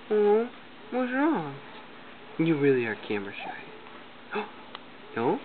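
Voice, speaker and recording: A man cooing at his baby in slow, lilting baby talk, his pitch leaping high and dropping low. The sound is tinny and phone-like, with a loud hiss of background noise. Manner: sing-song, gasping, drawn-out coaxing. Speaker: father. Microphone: recording phone held by the mother.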